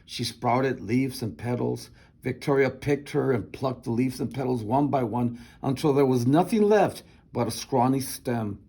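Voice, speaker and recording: Guy reading a kids book out loud, husky n gravelly, expressive. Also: mid-range voice, a little slow. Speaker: storybook reader. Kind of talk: expressive children's read-aloud narration.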